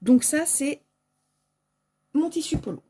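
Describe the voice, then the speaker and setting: A woman's voice: high voice, lively intonation, slow, mellow. A French woman chatting casually through an unboxing, hesitant and full of fillers, with packaging crinkling behind her. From France. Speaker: sewing shop owner.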